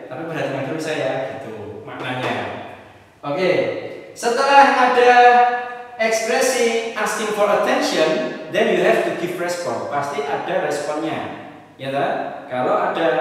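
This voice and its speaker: A man teaches a class from the whiteboard, his voice pitched a little high. He switches between two languages and repeats key phrases slowly for emphasis. He sounds far from the mic, in a room with heavy, long echo. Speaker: English teacher. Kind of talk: classroom lesson explaining at a whiteboard. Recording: echoey room, voice distant from the mic.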